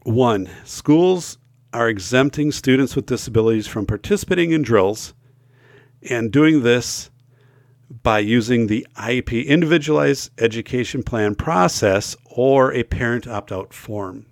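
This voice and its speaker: A gravelly, expressive medium-pitched voice belongs to a middle-aged man hosting a school safety talk show, talking casually to camera a little slowly. Unwell and losing his voice, he speaks with emphasis, restarting often and leaning on fillers. The sound is clean studio audio without echo.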